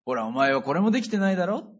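A man voicing a taunting male Satan who mockingly accuses the listener of failures, in a husky voice on a dull lo-fi recording. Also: high voice, sing-song, racing. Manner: mocking, needling tone.

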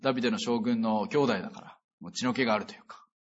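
A pastor preaching a sermon in a conversational, earnest way, with emphatic sentence endings. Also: male voice, medium pitch, rapid-fire. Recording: dull lo-fi recording.

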